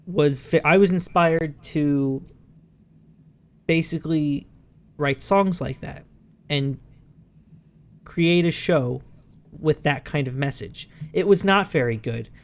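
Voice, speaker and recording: A man in his thirties co-hosting a podcast, chatting casually, often stumbling and repeating words, self-deprecating. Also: a little high. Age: 30s. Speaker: podcast co-host. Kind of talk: casual chat.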